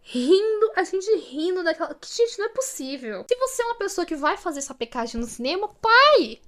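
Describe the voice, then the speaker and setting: High-voiced Brazilian woman recapping a film. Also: quick pace. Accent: Brazilian Portuguese. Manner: animated, slangy, wry storytelling. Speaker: film reviewer. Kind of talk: casual film recap vlog.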